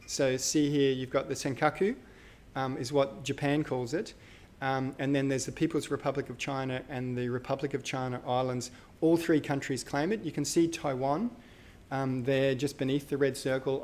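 A man's voice: mid-range voice, a little mellow, a little hiss or hum. A man giving a live university lecture, talking casually with fillers and self-corrections. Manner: conversational, thinks aloud with fillers and self-corrections.

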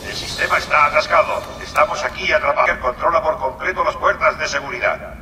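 A serious, worried middle-aged police commissioner in a video game. His urgent voice is very bright and slightly high. It sounds distant and echoey. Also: fairly quick. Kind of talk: video game dub acting. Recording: echoey, distant, faint noise.

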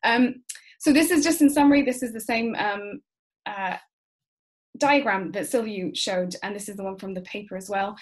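A woman's voice: mid-range voice, moderate pace. A woman researcher summing up her conference talk earnestly, with some hesitant ums. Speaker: panel speaker, researcher.

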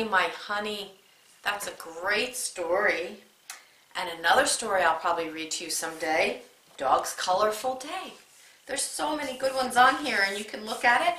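A young woman leading a children's story time, speaking slowly and encouragingly in a sing-song way, as if to small children. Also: mid-range voice, sharp tone. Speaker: children's librarian. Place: library room. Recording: echoey room.

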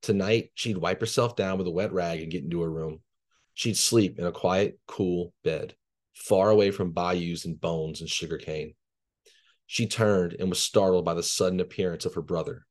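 Low and even, this guest author's reading voice moves at a measured pace through his horror fiction. The Louisiana man, in his thirties, later answers questions informally, calling in by video from his home bedroom via the laptop camera.

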